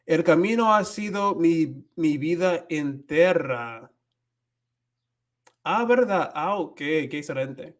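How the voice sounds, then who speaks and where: Speaking slowly and in an animated way, this American streamer has a slightly high voice. He teaches Spanish on his livestream, casually going over viewer comments while switching languages and stumbling as he searches for words.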